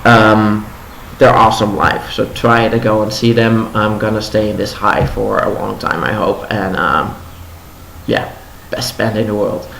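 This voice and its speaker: Recording in a roomy home room in Los Angeles with faint ambience and a little hiss or hum, a young man whose first language is Dutch hosts a casual news vlog with commentary. After a concert his voice sits a little low, creaky and a bit bright, with fairly even intonation and frequent ums and restarts.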